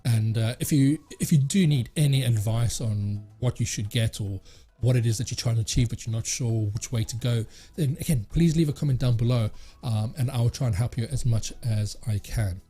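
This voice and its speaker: A man's voice: medium pitch, normal speed, dark tone, slightly rough, faint music behind. A man hosting a tech channel, talking casually to camera and rambling with many fillers and restarts.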